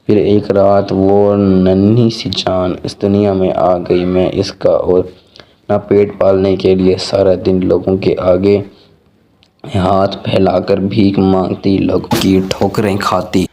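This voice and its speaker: Deep low guy reading a sad story, super even monotone delivery, slow and solemn. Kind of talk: scripted first-person story narration.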